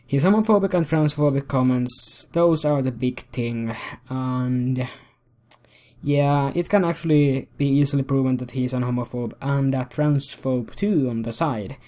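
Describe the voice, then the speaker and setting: A man's voice: mid-range voice, normal speed, darkish tone. A man hosting a commentary video, ranting in a heated, profane and rambling way.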